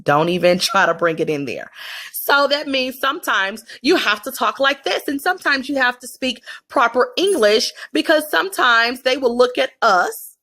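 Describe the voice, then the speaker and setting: A woman's voice: fairly high pitch, lively intonation, normal speed, pushed and bright. A woman with a Southern US accent, giving candid, emphatic career advice straight to camera in a casual vlog.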